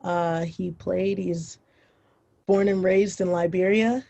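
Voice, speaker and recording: A woman's voice: fairly low pitch, steady tone, takes it slowly, gravelly, dark tone, dull audio, slight background noise. A young woman, a former college footballer, casually telling her story as a podcast guest, with many fillers and restarts.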